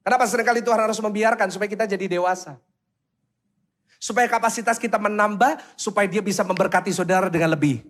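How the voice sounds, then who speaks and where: High-voiced, animated pastor preaching. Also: male voice, quick pace. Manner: animated, asks the congregation questions, acts out voices. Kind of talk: sermon.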